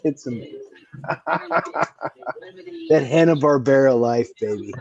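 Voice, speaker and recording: A man's voice: mid-range voice, measured pace, far from the mic, lo-fi sound, a crowd in the background. A man on a live comedy podcast panel, rambling and swearing as he tells stories. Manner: rambling, profane, laughs at himself. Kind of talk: casual live stream chat.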